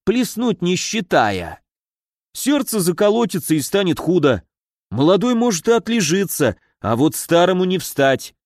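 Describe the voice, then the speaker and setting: A man narrating an audiobook voices an old herbalist who explains remedies in a measured, matter-of-fact way. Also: sits high, big pitch swings, a little mellow, dry recording, clean studio sound, voice pushed up. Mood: explaining.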